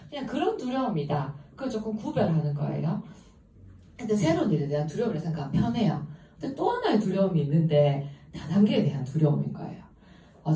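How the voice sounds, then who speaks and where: A woman's voice: medium pitch, mellow. A woman with a Gyeongsang accent giving an informal seminar talk, chatty and laughing often as she tells stories. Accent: Gyeongsang Korean. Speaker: seminar speaker. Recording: echoey room, voice from a distance.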